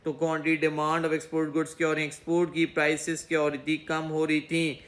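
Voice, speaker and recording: High-voiced man teaching economics. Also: monotone, moderate pace, fairly bright tone. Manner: repetitive question-and-answer explaining. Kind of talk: recorded classroom lecture.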